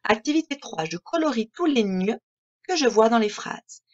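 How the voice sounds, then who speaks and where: A woman with a French accent, teaching a reading lesson to young children in a slow, clear, patient way that spells out each word. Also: on the high side, expressive, muffled recording. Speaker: primary school teacher.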